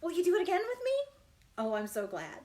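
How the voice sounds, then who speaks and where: Her voice sits high and darkish, swooping wildly in pitch as she talks quickly. This children's librarian leads a lively storytime read-aloud, cheering the kids on with an over-the-top manner and plenty of questions.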